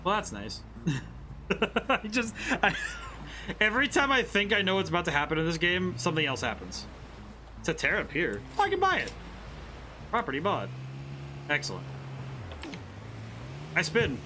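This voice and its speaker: A man giving excited, bemused, exclamatory commentary while playing a video game. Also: high voice, moderate pace, long pauses, slight background noise. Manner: exclamatory, reacts aloud with ows and laughs. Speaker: game streamer, game designer. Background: game music.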